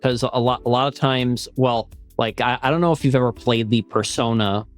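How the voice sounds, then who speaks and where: A man hosts a casual podcast chat in an ordinary mid-pitched voice. He rambles and restarts his sentences, leaning on fillers as he thinks aloud. Faint music runs behind him. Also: fairly even intonation. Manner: rambling, halting, many restarts and "like". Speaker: podcast host.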